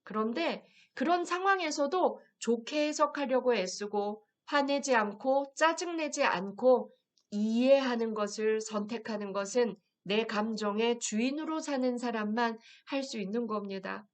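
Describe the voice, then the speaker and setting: Gentle woman leading an affirmation lesson. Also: a little high. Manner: gentle, addresses viewers directly, reads phrases slowly. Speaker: health program instructor.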